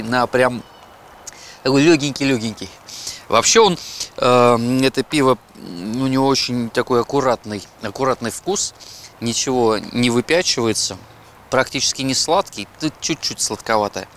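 A man's voice: mid-range voice, a bit bright, slight background noise. Hesitant man tasting beer in a park. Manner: hesitant, searching for words. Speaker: beer reviewer. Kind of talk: casual tasting chat. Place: outdoors in a city park.

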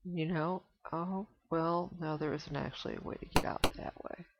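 A woman hosting a let's play of an old computer game, relaxed and thinking aloud as she reads the game's text. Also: deep voice, normal speed. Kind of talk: casual game commentary. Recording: slightly dull lo-fi desktop recording.

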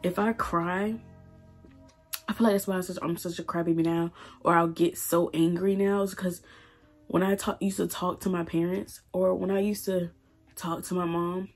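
Tearful young woman with a flat, low voice. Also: soft background music. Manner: emotional, halting, repeats herself. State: crying. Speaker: beauty vlogger. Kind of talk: tearful get-ready-with-me chat.

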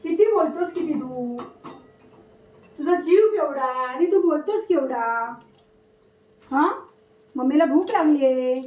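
A woman's voice: high-pitched, slow, pauses often, mellow, distant mic. A woman at home, teasing and scolding her pet bird in a playful, doting way. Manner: scolding and teasing, baby-talk to pets. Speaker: pet owner talking to her parrot. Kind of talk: home vlog, chatting to a pet. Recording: echoey room, voice a bit off-mic, faint noise.

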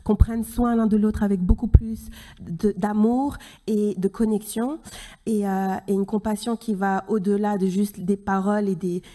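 A woman's voice: mid-range voice, steady tone, warm tone. Earnest woman speaking at a podium. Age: 30s. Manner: earnest, halting with many restarts. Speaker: keynote speaker. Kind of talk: conference speech. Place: large conference hall stage at a podium. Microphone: podium microphone.

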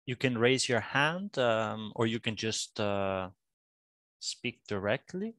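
A man's voice: fairly low pitch, lively intonation, slow, fairly bright tone, dry recording. Polite male webinar moderator, dry sound. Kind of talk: moderating an online question session.

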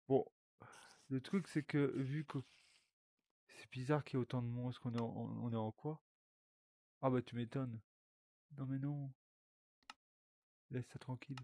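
A man's voice: mid-range voice, fairly even intonation, measured pace, pauses often, warm tone. A young man, rambling casually to his viewers while playing a VR game, swearing often. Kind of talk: casual gaming commentary.

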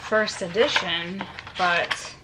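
A woman's voice: fairly low pitch, steady tone, slow pace, very noisy. A woman in her thirties chatting wryly to the camera as she digs through a storage unit, thinking aloud about each find. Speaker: storage unit reseller vlogger. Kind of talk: casual narration while sorting items. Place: metal storage unit, indoors.

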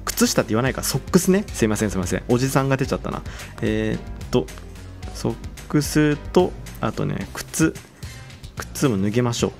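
A young man chatting casually as he plays a game, excitable and quick to exclaim over what he sees. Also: mid-range voice, gravelly, soft background music. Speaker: game channel host.

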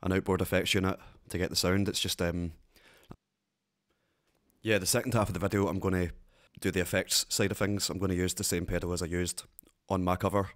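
A man with a Glaswegian accent hosting a synth tutorial, talking in a relaxed, rambling way with plenty of fillers. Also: sits low, brisk. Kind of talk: casual tutorial talk.

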